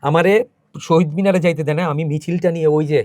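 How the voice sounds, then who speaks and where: A man's voice: a little high, steady tone, quick pace, darkish tone, no room sound, studio quality. A man, a podcast guest telling emotional, emphatic stories as a cultural organizer. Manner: emotional, emphatic storytelling with rising intensity. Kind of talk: impassioned interview talk.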